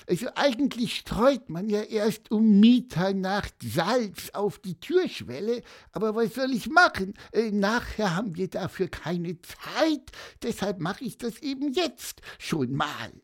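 A woman voicing a chatty, know-it-all little bird in a children's audio story, lively and talkative. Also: mid-range voice, measured pace, few pauses. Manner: lively, talkative, fond of "ja, ja" and "mein Lieber".

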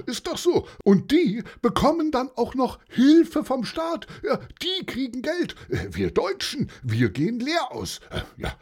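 Mad shouty middle-aged grouch in a kids' story, high raspy voice, all over the place. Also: male voice, exaggerated voice. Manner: shouting, indignant rant. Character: furious ranting middle-aged man, grumbling. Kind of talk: children's audio story.

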